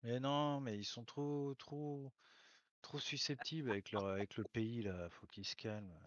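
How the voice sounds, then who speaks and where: A man's voice: mid-range voice, measured pace, dry recording. Gamer guy on squad voice chat, teasing banter, slightly muffled line. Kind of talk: casual gaming chat.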